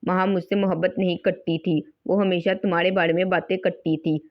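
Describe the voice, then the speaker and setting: A woman's voice: fairly low pitch, little pitch movement, lightly acted. Bilal, a bitter jealous young man, read by a woman. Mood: resentful. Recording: slightly dull lo-fi recording.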